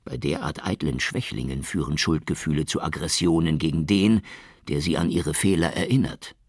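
A man voicing a hoarse, weary middle-aged police chief who broods and schemes in an audiobook. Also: a bass voice, moderate pace, no echo, clean studio sound. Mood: calculating. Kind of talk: audiobook character voice.

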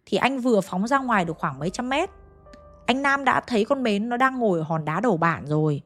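Over soft background music, a young Hanoi woman tells a ghost story in a chatty tone, directly engaging her listeners. She speaks fairly quickly in an expressive, mid-range voice.

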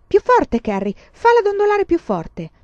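A woman's voice: a little high, sing-song, fairly quick, dark tone, no echo, voice pushed up. A woman voicing a stern, unfair female schoolteacher who scolds sharply. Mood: scolding. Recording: dull, dry lo-fi recording.

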